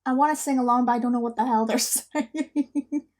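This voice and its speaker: Her pitch runs slightly high and she talks at a moderate speed. Reacting on video as the host, she offers loose, spur-of-the-moment commentary full of gushing fangirl outbursts.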